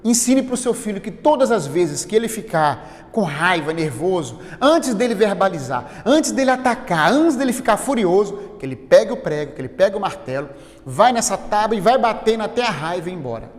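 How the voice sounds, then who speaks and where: A man voicing a priest who gives calm, step-by-step advice. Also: high voice, fairly quick, long reverb tail. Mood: advising. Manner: instructive, step by step. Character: calm advising village priest.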